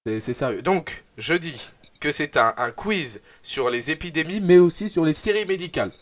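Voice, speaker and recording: Lively young male radio host. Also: a little high, moderate pace. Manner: lively, animated announcing, with fillers. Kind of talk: live radio hosting.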